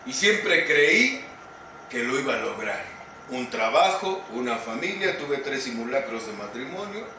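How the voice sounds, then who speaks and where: A Mexican man speaks at a group meeting about his recovery, his mid-range voice sing-song and sharp, his pace measured. He tells the story colloquially, with plenty of profanity and acted-out quotes, recorded at a distance in a noisy, echoing hall.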